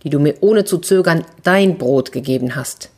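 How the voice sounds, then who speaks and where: A woman's voice: deep voice, normal speed, darkish tone, slightly rough. A woman voicing a lonely caged mare. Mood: wistful. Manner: wistful, then eagerly conspiratorial. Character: lonely caged female horse, yearning for freedom. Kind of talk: storybook reading.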